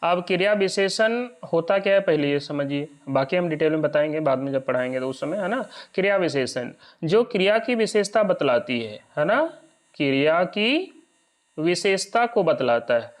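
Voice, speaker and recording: Man, exam prep teacher, slightly high voice, checks in with listeners. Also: lively intonation, normal speed. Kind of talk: spoken exam lesson.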